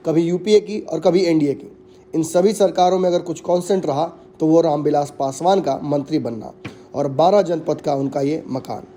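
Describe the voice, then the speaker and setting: Male news anchor, high pitch, mellow tone, measured emphatic commentary.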